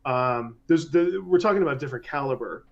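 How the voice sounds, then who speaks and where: A man talks through a loose podcast conversation, his voice sitting at an ordinary middle pitch. He keeps restarting phrases and slips into mimicking other people for his quotes. The audio is a bit dull and lo-fi. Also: expressive, a little fast.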